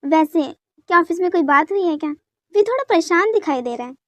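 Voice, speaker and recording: A woman's voice: very high-pitched, animated, a little fast, no echo. A woman voicing a middle-aged mother who coaxes her son to eat and worries about him, in a dubbed fan story. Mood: caring. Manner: coaxing, fussing.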